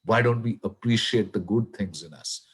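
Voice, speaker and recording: A man with an Indian accent giving an earnest, inspirational talk in a web broadcast, speaking slowly and with emphasis. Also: fairly low pitch, breathy edge. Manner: earnest, slow and emphatic, mixing English with Hindi.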